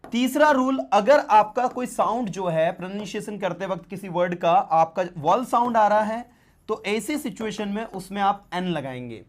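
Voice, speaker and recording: A man's voice: sits high, animated, normal speed. A man teaching English grammar in a casual classroom style, explaining step by step and checking in with his students as he writes words on a board. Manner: explains step by step with frequent "है ना" and "right?" check-ins.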